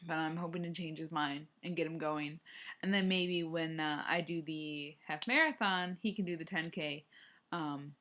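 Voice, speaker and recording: A young adult woman with a low, fairly bright voice speaks at a moderate pace on her solo running vlog. She chats casually, rambling and hesitant, often restarting her sentences.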